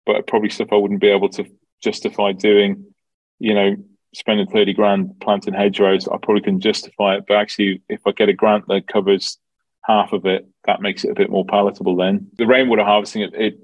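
A man's voice: fairly low pitch, little pitch movement, a little fast, no room sound, poor audio. A man with a Dublin Irish accent giving informal, explanatory answers in an interview about his work. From Dublin, Ireland. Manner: explanatory, informal, peppered with 'you know'. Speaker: farm manager, interview guest.

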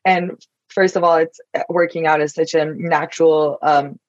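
A woman's voice: sits low, steady tone, measured pace, no room sound, dull audio. Thoughtful woman. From Turkey. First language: Turkish. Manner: thoughtful, searching for words. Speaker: podcast host. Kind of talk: casual podcast conversation.

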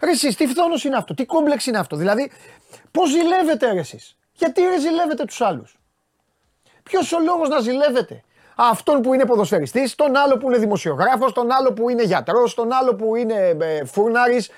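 A man's voice: extremely high pitch, animated, darkish tone, no echo, studio quality. A man with a Greek accent hosting a sports talk show, casually and exasperatedly scolding his viewers with rhetorical questions. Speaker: sports commentator host.

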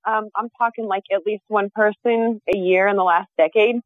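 A woman's voice: mid-range voice, fairly even intonation, normal speed, dry recording. A woman calling in to a radio show over a phone line, speaking hesitantly with frequent ums. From USA. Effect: heard over a phone line.

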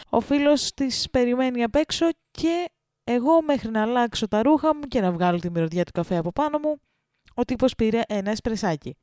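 A woman from a Greek Ionian island, co-hosting a podcast in casual chat, animated, slangy and laughing often. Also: a little high, no echo, clean studio sound. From Greece, Ionian island. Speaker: podcast co-host. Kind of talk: casual chat, reading a listener story.

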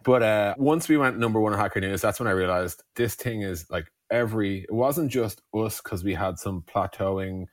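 Being interviewed as a co-founder, this Irish man tells startup stories in a relaxed, conversational way, straying into digressions and sprinkling in "like" and "you know." His pitch is fairly low and his pace normal, with barely any pauses. It's studio-quality sound with no room tone.

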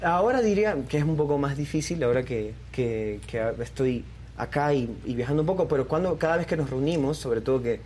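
A man's voice: on the high side, expressive, a little fast, darkish tone, slight background noise. A young man from Ecuador, a singer being interviewed, talking casually with many fillers and restarts. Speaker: guest singer.

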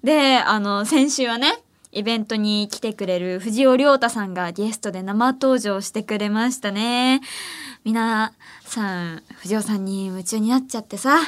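A woman's voice: medium pitch, normal speed. A young woman hosting a late-night radio show, chatting casually in a playful, teasing way and laughing often. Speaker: radio host. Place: radio studio.

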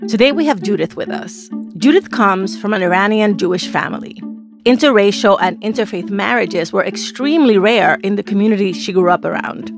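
Woman host, gravelly voice, calm scripted intro, music underneath. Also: medium pitch, brisk. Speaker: podcast host.

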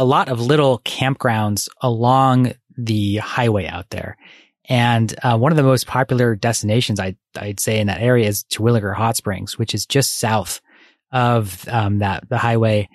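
A man's voice: mid-range voice, moderate pace, no room sound, clean studio sound. Easygoing man co-hosting a podcast. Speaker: podcast co-host. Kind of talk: casual chat.

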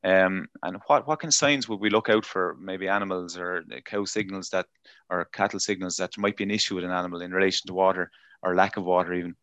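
A man's voice: deep voice, steady tone, fast, fairly bright tone, dry recording. A man with an Irish accent, interviewing in a conversational way and working round to his questions somewhat tentatively. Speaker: interviewer, farm environmental adviser.

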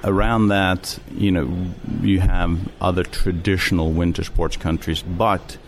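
Norwegian man, middle-aged, interview guest, even delivery, faint noise behind. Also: deep voice. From Norway. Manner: measured, with many fillers and restarts. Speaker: interview guest, sports official. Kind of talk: interview answers.

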